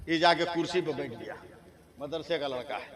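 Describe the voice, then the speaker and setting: High-voiced preacher rousing a packed crowd. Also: male voice, animated, moderate pace. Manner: dramatic storyteller, rousing the crowd to respond. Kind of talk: sermon storytelling at a religious gathering. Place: crowded religious conference stage. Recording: live crowd around a loudspeaker.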